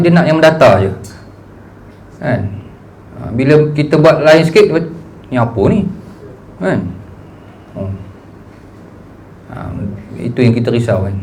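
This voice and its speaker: A male preaching instructor with a Malaysian Malay accent explains delivery in a conversational, animated way, his pitch swinging up and down as he talks. He keeps asking his class for agreement. There is faint noise behind him. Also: rough recording. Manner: conversational, animated, asks "kan?" often. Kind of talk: teaching a sermon-delivery course.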